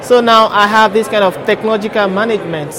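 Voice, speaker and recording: A man's voice: high-pitched, fast talker. Man from Nigeria, crowd around. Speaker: interviewee, student. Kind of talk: casual interview answers. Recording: crowd chatter behind.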